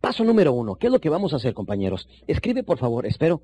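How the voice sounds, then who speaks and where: A man teaching sales techniques, shifting between quick bursts and low, slow emphasis while speaking straight to the listener. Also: huge pitch swings, warm tone, breathy edge. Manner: addresses listener directly as compañero. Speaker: sales trainer. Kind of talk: recorded sales seminar lesson.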